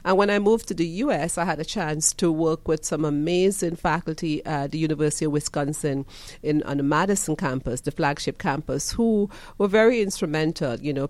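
A woman's voice: low voice, darkish tone, dry recording. A woman in her fifties with a Trinidadian accent, a college president answering radio interview questions in an earnest, reflective way with frequent ums and restarts. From Trinidad and Tobago.

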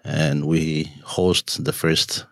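A man from Ethiopia answering in a studio panel interview, halting and with many fillers. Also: very deep voice, little pitch movement, gravelly, a bit bright, dry recording. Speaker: entrepreneur and nonprofit founder.

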